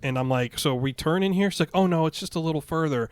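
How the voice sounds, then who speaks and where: Guy in his young adult years, podcast co-host, animated storyteller, slightly high voice, dry close mic. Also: quick pace, clean tone, no room sound. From Michigan. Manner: animated anecdote-telling, acts out quoted dialogue. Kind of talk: casual storytelling chat.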